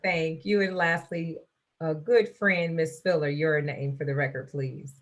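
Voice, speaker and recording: Low-voiced woman judge on a court recording. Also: steady tone. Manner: measured, formal, calling each party for the record. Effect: courtroom hearing recording over a video call. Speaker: judge presiding over a virtual hearing. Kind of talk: formal on-the-record court proceeding. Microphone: video call.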